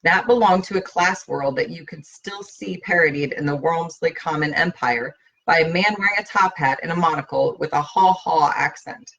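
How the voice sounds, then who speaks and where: Expressive, slightly breathy woman reading a story. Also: low-pitched, normal speed, dull audio. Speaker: host reading stories aloud. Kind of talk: reading a short story aloud.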